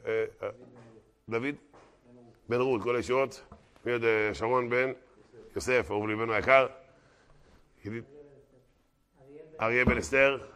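A male rabbi giving an animated Torah lesson to a live audience, breaking into loud exclamations, then rallying donations in quick patter. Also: mid-range voice, clear, resonant tone. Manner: dramatic, bursts into loud exclamations; brisk auctioneer-like fundraising patter. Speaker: rabbi teaching a Torah class. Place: class hall with a live audience.

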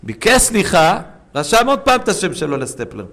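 Dramatic male preacher, fairly high voice. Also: very animated. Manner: dramatic, swings between loud urging and hushed asides; addresses the listeners as friends. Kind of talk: sermon with stories.

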